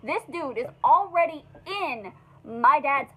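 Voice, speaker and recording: A young woman telling a storytime vlog in a casual, animated way, heavy on fillers and swearing. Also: high voice, slow pace, rough recording. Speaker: vlogger.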